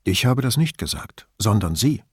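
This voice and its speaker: A man voicing a calm, probing male police inspector in an audiobook, speaking in a measured, quiet way. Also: on the low side, slightly rough, no room sound, clean studio sound.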